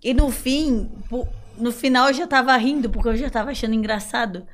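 A woman's voice: a little high, brisk. A young woman chatting frankly and rambling on a podcast, with lots of fillers. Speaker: guest. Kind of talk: casual podcast chat.

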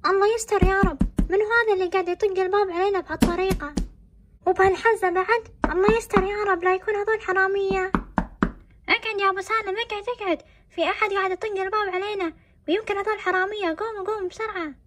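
A woman's voice: very high voice, steady tone, quick pace, background noise. A woman playing a fearful middle-aged mother in a family drama, full of anxious exclamations.

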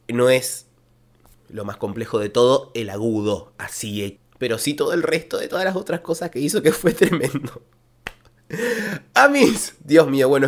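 A man with an Argentine accent, a baritone vocal coach, chatting excitedly to viewers as he reacts to and analyzes a singing performance. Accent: Argentine Spanish.

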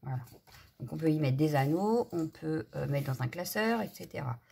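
A woman's voice: deep voice, lively intonation, normal speed, vocal fry, mellow, husky. A woman chatting casually through a craft haul, hesitant and full of fillers. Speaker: craft vlogger.

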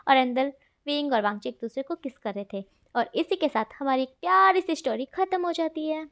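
A woman narrating a fanfiction story in a chatty, animated way as channel host. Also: high-pitched, a little fast.

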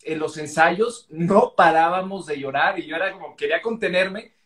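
An actor in a casual live-stream chat, talking emotionally and affectionately. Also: male voice, high-pitched, moderate pace, fairly bright tone. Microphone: phone on a live video stream.

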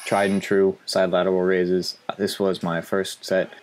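A young man gives a casual voice-over explaining his gym workout in a relaxed coaching tone. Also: low voice, a little slow. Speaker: fitness vlogger.

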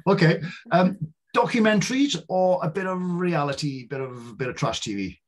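A man's voice: high voice, animated, moderate pace. A man with a West Welsh accent hosting a podcast interview, chatty and full of stumbling restarts. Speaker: podcast host. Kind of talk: casual interview chat.

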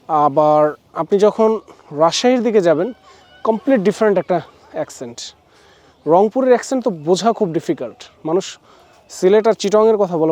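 A man's voice: high voice, darkish tone. A man from Bangladesh giving a casual walking-tour vlog outdoors at a forest resort, chatty and mixing in English words while often correcting himself. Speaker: travel vlogger.

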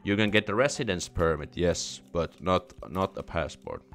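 A young Finnish man with a low, expressive, slightly bright voice and a Finnish accent hosts a casual live stream Q&A from a small room, reading chat comments and answering viewer questions at a moderate pace. He thinks aloud with many restarts and fillers, speaking into a studio condenser mic while wearing headphones, with soft music in the background.

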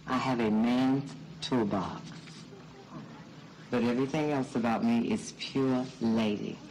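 A woman's voice: a bass voice, measured pace, darkish tone, low-quality recording. An actress playing a sassy, flirtatious transgender woman on the witness stand in a film, coy and playfully catty. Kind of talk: courtroom scene in a film. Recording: faint noise and room ambience.

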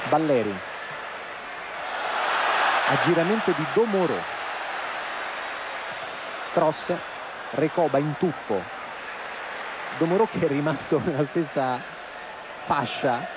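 Guy calling a football match, kinda high voice, short clipped name calls, noisy stadium broadcast. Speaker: play-by-play football commentator. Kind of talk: live football match commentary.

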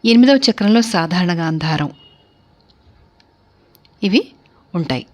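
A woman's voice: lowish voice, lively intonation, measured pace, darkish tone, muffled recording. A woman from India giving a spoken music theory lecture, explaining steadily and listing terms one by one.

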